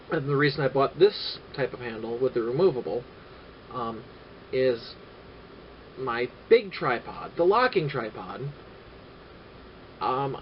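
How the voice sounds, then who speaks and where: A man vlogging casually about his camera gear, rambling and halting with many filler sounds and dry sarcastic asides. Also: medium pitch. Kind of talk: casual gear-review vlog. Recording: dull lo-fi audio with faint noise.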